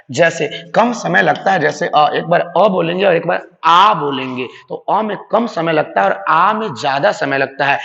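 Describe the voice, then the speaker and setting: A man's voice: fairly high pitch, gravelly, fairly bright tone. A man teaching a grammar lesson to students, repeating key points and often calling them children. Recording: roomy long-reverb room, dull lo-fi sound.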